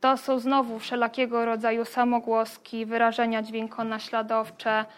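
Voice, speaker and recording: A woman's voice: on the high side, completely flat delivery, normal speed, clean tone. A woman giving a spoken lecture on how young children learn to talk, explaining step by step with frequent fillers and checking questions. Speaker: lecturer on child speech development.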